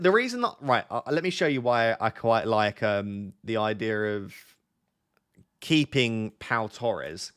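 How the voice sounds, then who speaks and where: Reading chat and thinking out loud on his live stream, a young man sounds nasal and stuffed up. His voice sits fairly low, clean and slightly bright.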